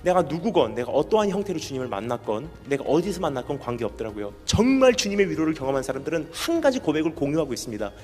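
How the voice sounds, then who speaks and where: Animated male pastor preaching in a hall. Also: a little high, quick pace, few pauses. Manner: animated, asks the congregation questions, acts out stories. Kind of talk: sermon. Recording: reverberant hall with background music.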